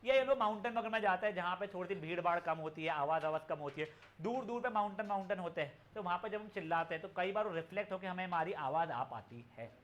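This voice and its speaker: Bright high-voiced male physics teacher. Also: expressive, fast. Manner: chatty Hindi-English teaching, addresses students as beta. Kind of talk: live online class lecture.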